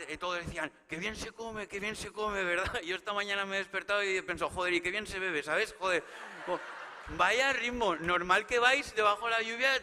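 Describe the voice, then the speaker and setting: A man's voice: high-pitched, sharp tone. A man in his thirties from Spain with a Spanish accent, hosting a live awards gala as a stand-up comic who jokes with and rallies the audience. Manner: chatty, joking, teasing the audience, rallying the crowd. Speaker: gala host. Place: large hall with a live audience. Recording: live hall recording with long reverb and faint noise.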